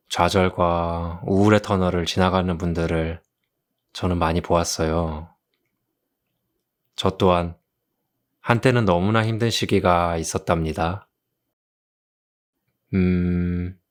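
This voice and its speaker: A man doing an ASMR role-play as a kind therapist, speaking gently and consolingly like a tender romantic leading man. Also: deep voice. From South Korea. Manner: gentle, consoling, slow storytelling. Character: kind, soothing male therapist comforting a patient. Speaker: ASMR role-play performer as a counseling doctor.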